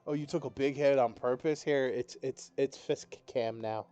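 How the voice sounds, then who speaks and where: A man's voice: mid-range voice, steady tone, normal speed, mellow, highs cut off, faint music behind. A young man streaming a game live, chatting casually in a laid-back, rambling way full of swearing. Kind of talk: casual live-stream chat while gaming.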